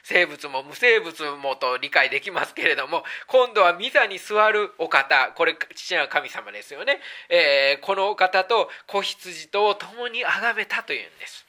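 A pastor delivers a sermon in a bright, clear voice. The pace slows when scripture is read aloud and picks up to an earnest explaining tone, with drawn-out fillers and rhetorical questions to the listeners. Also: medium pitch, lively intonation. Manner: reads scripture aloud slowly and deliberately.

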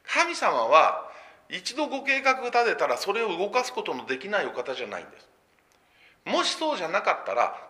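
A man preaching a sermon in a fairly high, bright voice. His pitch swings widely as he leans on key phrases. He explains patiently and poses questions to the congregation before answering them himself. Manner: expressive preaching with sweeping pitch and emphatic phrases. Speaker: pastor.

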